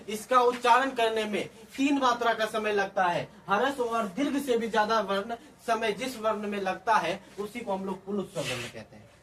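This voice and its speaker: High-voiced teacher drilling questions. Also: male voice, a bit bright. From Bihar, India. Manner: repeats questions and answers in a drilling call-and-response way. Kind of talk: classroom-style grammar lesson. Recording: distant mic with faint background noise.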